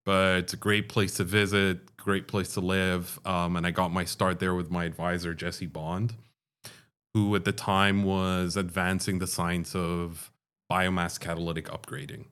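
A man from Dubai, a chemical engineering professor, answering interview questions in a measured, explanatory way. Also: low voice, level tone, a bit bright, smooth. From Dubai, Middle East. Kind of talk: conversational interview.

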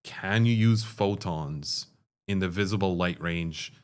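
Deep-voiced professor guy from dubai, calm measured explaining. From Dubai, Middle East. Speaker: guest, chemical engineering professor. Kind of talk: conversational interview.

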